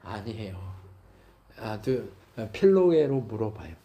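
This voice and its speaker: A man's voice: lowish voice, big pitch swings, a little slow, dark tone, lo-fi sound. A male pastor preaching a sermon, often asking the congregation questions and acting out bits of dialogue. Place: church sanctuary.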